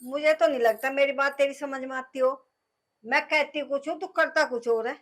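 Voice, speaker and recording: A woman's voice: sits high, steady tone, normal speed, a bit bright. An actress playing a middle-aged village mother, scolding and calling after her son. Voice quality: nagging, calling out. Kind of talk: rural comedy film acting.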